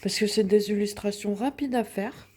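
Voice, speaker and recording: A young woman with a husky, dark, mid-range voice talks at a moderate pace while showing off her finished coloring pages in a casual vlog. Sitting at home in front of a window, she's chatty but hesitant, full of fillers and restarts.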